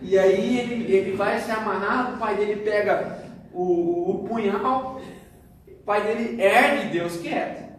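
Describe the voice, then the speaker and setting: A man with a Brazilian Portuguese accent preaching a lively sermon, retelling the story with acted-out dialogue and laughing as he talks. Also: high voice, unhurried, slight background noise. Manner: animated storytelling, laughs while telling. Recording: echoey hall, voice from far off.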